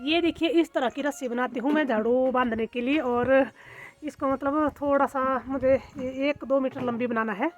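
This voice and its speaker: High-voiced chatty Himachali village woman. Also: moderate pace, dull audio. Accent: Mandyali-tinged Hindi. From Himachal Pradesh, India. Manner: chatty, frequent fillers. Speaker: village vlogger. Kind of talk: casual vlog narration. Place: outdoors at a hillside village farm.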